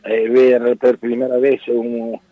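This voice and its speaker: A middle-aged circus owner from Spain, who has an Italian accent, answers questions in a radio interview. His mid-range voice is monotone and slow, heard through narrow, tinny audio with no echo. He's hesitant, repeats his words, and keeps saying "mire."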